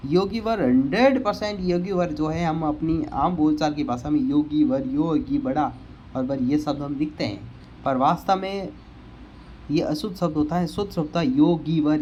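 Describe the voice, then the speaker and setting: A man with a warm, fairly high voice teaches a Hindi grammar lesson for exam prep, moving word by word and repeating both the wrong and right form of each. He explains slowly and corrects spellings. The audio is dull, with slight background noise.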